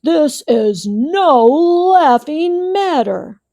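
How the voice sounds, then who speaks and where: A woman voicing a gruff, grumpy male bear in a storybook reading, slow and pompously formal. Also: fairly high pitch, big pitch swings, warm tone, full character voice. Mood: indignant.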